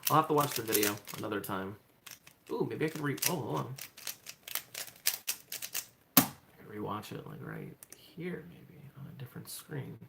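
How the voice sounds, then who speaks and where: A man livestreaming from home, chatting excitedly to himself as he goes, with lots of "hold on" and "oh my gosh". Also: fairly low pitch, creaky, heavy background noise. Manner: excitable, thinks aloud, repeats "hold on" and "oh my gosh". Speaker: livestreaming speedcuber. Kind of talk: casual livestream self-talk.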